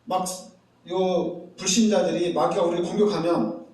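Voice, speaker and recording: A man preaching a sermon as pastor, animated, acting out the quoted voices of the people he describes. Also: sits high, normal speed. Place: church sanctuary. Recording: echoey church hall from far off.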